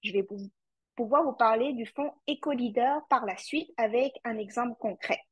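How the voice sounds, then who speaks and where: A woman's voice: on the high side, normal speed, slightly rough, no room sound, poor audio. A woman with a French accent presenting a webinar as a climate consultant, speaking directly to her audience with frequent hesitations and fillers. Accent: French (France).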